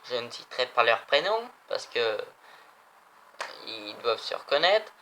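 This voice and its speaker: A man's voice: mid-range voice, sing-song, a little slow, sharp tone, slight background noise. A young man chatting casually in a vlog, rambling and repeating himself. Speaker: vlogger. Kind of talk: casual chat showing souvenirs.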